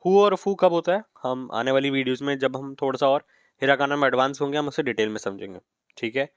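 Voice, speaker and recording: A man's voice: mid-range voice, brisk, clear, resonant tone, dry recording. Man teaching patiently, dry close sound. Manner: patient, repeats "ठीक है" and "okay" often. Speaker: Japanese teacher. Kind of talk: classroom lesson in Hindi mixed with English.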